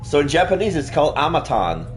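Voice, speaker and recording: Man doing animated game commentary. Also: fairly high pitch, quick pace. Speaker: let's play streamer. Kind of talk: casual game commentary, reading dialogue aloud. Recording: background music under the voice.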